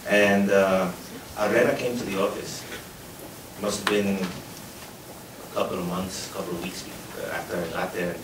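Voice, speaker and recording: A man's voice: sits low, little pitch movement, normal speed. A man who grew up in New York after leaving Guatemala, speaking earnestly and off the cuff as a panelist at a public discussion. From Guatemala, raised in New York. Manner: earnest, loose and spontaneous. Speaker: forensic anthropologist panelist. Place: lecture hall. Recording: roomy hall, distant mic, noisy.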